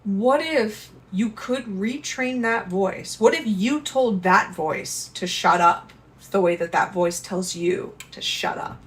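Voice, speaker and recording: A woman's voice: mid-range voice, expressive, takes it slowly. Woman giving casual advice to viewers. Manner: earnest, conversational, addresses viewers directly. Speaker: lifestyle channel host. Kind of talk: casual advice talk to camera.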